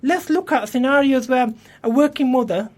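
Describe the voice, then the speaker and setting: A man's voice: very high-pitched, normal speed. A man, an election candidate answering radio interview questions earnestly, often restarting and repeating words in a studio. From England.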